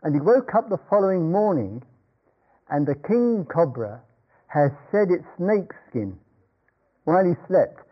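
A man's voice: high-pitched, big pitch swings, unhurried, pauses often. An older man giving a meditation talk, rambling through an anecdote with chuckles and restarts. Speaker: meditation teacher. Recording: dull lo-fi talk recording.

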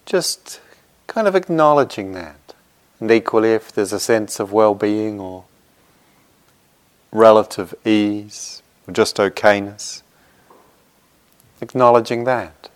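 A man with a lowish voice leads a guided meditation as a teacher. He speaks gently and reassuringly in short phrases, leaving unhurried pauses.

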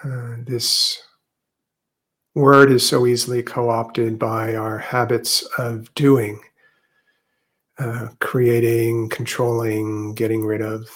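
A meditation teacher guides a session, speaking gently and unhurriedly with long pauses. His voice is mid-range and barely moves in pitch.

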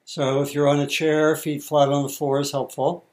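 A man teaches meditation, offering guided instructions in short, measured phrases separated by pauses. His voice is a little high and his tone stays level.

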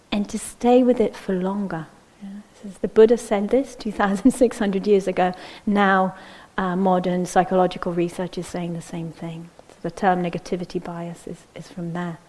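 A woman meditation teacher speaks in a mellow, warm-toned voice at an everyday pitch. She gives a gentle, unhurried dharma talk, often checking in with a soft "yeah?". At times her voice drops to a breathy near-whisper. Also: steady tone, poor audio.

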